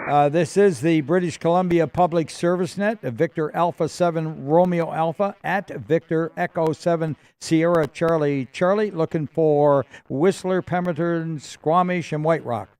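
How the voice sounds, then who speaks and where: A man's voice: fairly high pitch, moderate pace, hardly any pauses, darkish tone, clear, resonant tone. A man acting as amateur radio net controller, chatty and hesitant as he mixes small talk with call-sign procedure. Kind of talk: informal radio net check-ins. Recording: faint static and radio clicks.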